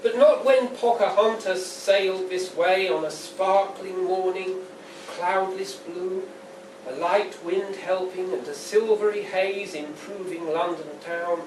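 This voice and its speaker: A poet reading at a live book launch in a pub has a high-pitched voice with fairly even intonation, and he delivers his work deliberately and with wry dryness after a casual introduction. Recorded indoors on a distant mic, the room sounds noisy and echoey.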